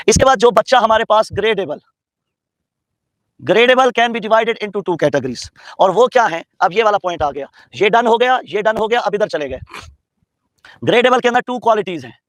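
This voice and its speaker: A man's voice: sits high, dry recording, low-quality recording. A man from Pakistan teaching an English grammar lesson. He asks students questions, answers them himself, and spells out English terms carefully. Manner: calls students "beta". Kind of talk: classroom lecture mixing English and Urdu.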